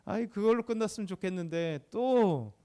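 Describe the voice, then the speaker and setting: A man's voice: high voice, expressive, normal speed, mellow, clear, resonant tone. A middle-aged male pastor giving a sermon in a conversational way, often asking the congregation short questions.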